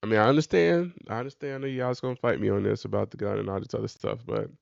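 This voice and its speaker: Very gravelly man giving casual reaction commentary. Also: fairly low pitch, quick pace, no echo, muffled recording. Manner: colloquial, exasperated, preachy.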